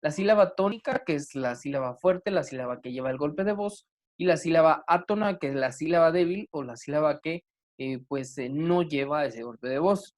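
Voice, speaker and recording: A man teaching an online grammar class, talking slowly with many fillers and restarts. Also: a little high.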